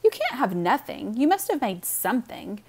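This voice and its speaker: A woman voicing a stubborn, hurt young girl in a storybook reading, shrill and demanding. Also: sing-song, moderate pace, creaky, darkish tone, breathy edge, full character voice.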